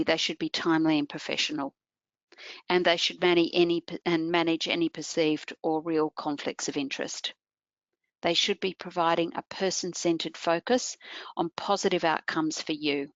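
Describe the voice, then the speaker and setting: Lower-voiced woman presenting a webinar. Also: no room sound. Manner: explanatory, addresses listeners directly. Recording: muffled online webinar audio.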